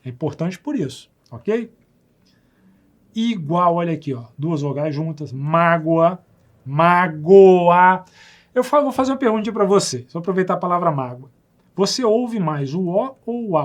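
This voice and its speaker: Brazilian male teacher, slightly raised pitch, patient and repetitive recorded lesson delivery. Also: very animated. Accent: Brazilian Portuguese. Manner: patient, repeats words slowly and checks with the viewer.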